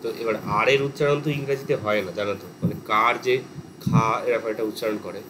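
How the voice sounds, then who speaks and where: A male teacher with a West Bengal Bengali accent lectures a class in a lowish voice at a racing pace, explaining terms at length and mixing in English words. An air conditioner hums in the background.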